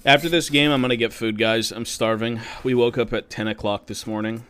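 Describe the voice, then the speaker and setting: A man's voice: mid-range voice, fairly even intonation, brisk, a bit bright, smooth. A man streaming a video game, chatting casually while he plays, swearing freely and trash-talking his teammates. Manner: joking, self-amused. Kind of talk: casual gaming commentary.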